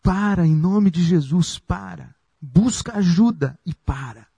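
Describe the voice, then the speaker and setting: A man preaching a sermon as pastor, slow and emphatic with long pauses. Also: high voice, vocal fry, mellow, breathy edge, no echo.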